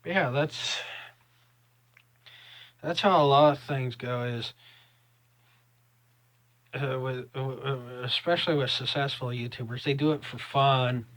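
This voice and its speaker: A young man speaks with a Southern American drawl at an unhurried pace. He rambles haltingly, as in a casual solo vlog, and the sound is close and dry, with a middling pitch. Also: fairly even intonation, a bit bright, no room sound. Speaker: vlogger.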